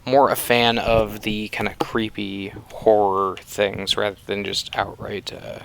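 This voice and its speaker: A man giving casual, rambling commentary while playing a horror game, often with fillers and low mutters. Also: flat delivery, slow, vocal fry, a bit bright, a little hiss or hum. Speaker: game reviewer. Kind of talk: casual let's-play commentary.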